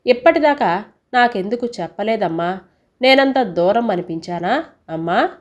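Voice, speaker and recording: An earnest grown son weighed down by debts, read by a woman storyteller. He talks in a reassuring, gently pleading way, in a mid-pitched voice. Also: expressive, moderate pace, close to an everyday voice.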